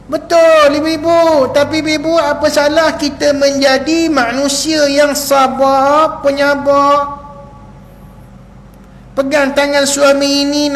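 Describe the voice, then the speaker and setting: A Malaysian Malay man giving a mosque lecture as a religious teacher, lively and joking, acting out quarrels between husband and wife. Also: very high-pitched, slight background noise. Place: prayer hall. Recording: echoey hall recording.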